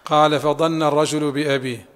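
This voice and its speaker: A man reading a classical text aloud to a sheikh in a steady, even recitation. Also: fairly high pitch, brisk. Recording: long hall reverb.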